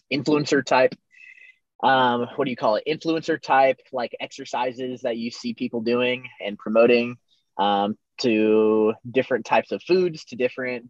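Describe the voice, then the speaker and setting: A man's voice: mid-range voice, dry recording. A young man from California hosting a casual podcast, recorded inside a small camper van. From California, USA. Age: young adult. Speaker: podcast host. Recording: slightly dull, dry, inside a camper van.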